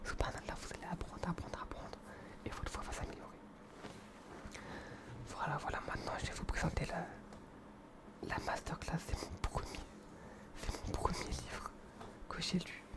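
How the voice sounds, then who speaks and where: A young man whispering in a hushed, breathy library whisper as he presents books in an informal, earnest, hesitant ASMR style. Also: fairly high pitch, moderate pace, long pauses.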